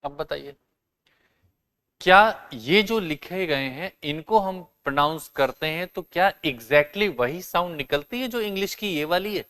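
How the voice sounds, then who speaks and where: A man teaching a class, explaining step by step, asking questions and answering them himself, and sounding out words slowly and carefully. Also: a little high, animated, fairly bright tone, clean tone. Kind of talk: classroom lesson.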